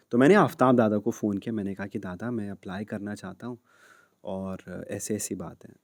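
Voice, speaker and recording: Mellow-voiced man telling animated stories. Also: medium pitch, dry recording, studio quality. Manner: animated storyteller who acts out dialogue and sounds; switches freely between Hindi and English. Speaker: podcast guest, radio jockey. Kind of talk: casual interview storytelling.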